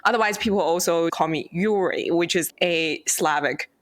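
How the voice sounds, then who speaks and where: Curious podcast host, dry sound. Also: male voice, on the high side, moderate pace, fairly bright tone, no echo. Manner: friendly, curious questioning with light laughter. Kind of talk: casual interview.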